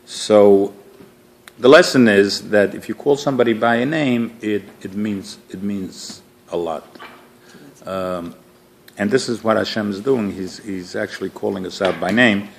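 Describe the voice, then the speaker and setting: A man teaching a relaxed religious class, telling stories in a conversational way with frequent restarts and fillers. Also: fairly low pitch, unhurried, slight background noise. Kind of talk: informal religious class talk.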